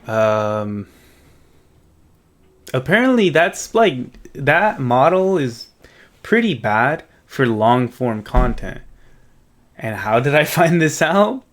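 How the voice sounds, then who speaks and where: In a casual, unscripted tech walkthrough, the host of a coding project video series thinks aloud and keeps checking in with his viewers. His medium-pitched voice is very animated, yet he goes slowly and pauses often.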